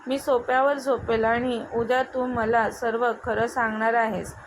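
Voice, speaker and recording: A woman voicing a stern adult male police officer, speaking firmly and in a measured way. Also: a little high, level tone. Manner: firm, measured. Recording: noticeable background noise.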